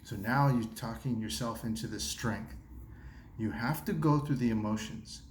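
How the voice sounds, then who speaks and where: A man's voice: medium pitch, normal speed, reverberant, a little hiss or hum. A man giving earnest self-help advice to the camera, repeating himself and restarting phrases as he coaches viewers through pain. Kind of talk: earnest motivational talk to camera. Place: seated at a table.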